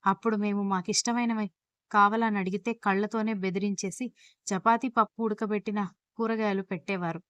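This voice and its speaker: A chatty young wife from a read-aloud love story, lively and playful, voiced by a woman. Her pitch sits in the middle. The voice is dry and close to the mic. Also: a little fast, clear, resonant tone, no echo, dull audio, close to an everyday voice.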